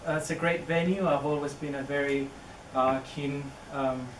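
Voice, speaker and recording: A Chilean man in his thirties, a native Spanish speaker with a Chilean Spanish accent, gives a public lecture as a researcher in an indoor venue near a greenhouse. His fairly high voice is steady at normal speed, but he is hesitant, with many fillers and restarts. The recording is distant, echoey and noisy.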